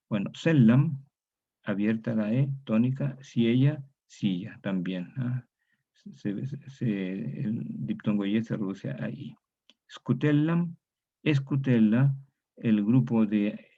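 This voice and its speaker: Latin American Spanish male lecturer, lowish gravelly voice, patient and methodical, dull lo-fi recording. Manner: methodical, repeats example words slowly, asks "¿cierto?". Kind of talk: university lecture on historical grammar.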